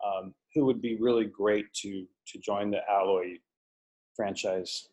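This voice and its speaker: A man with a fairly low voice conducts an interview. He puts his questions conversationally and feels his way through the wording, rephrasing as he goes. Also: fairly even intonation, measured pace, darkish tone, low-quality recording.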